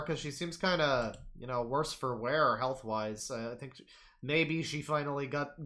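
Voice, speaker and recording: A man streaming profane reaction commentary on a cooking video, jumping from loud outbursts to mumbled asides and stammering as he riffs. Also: medium pitch. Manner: stammers and restarts while riffing.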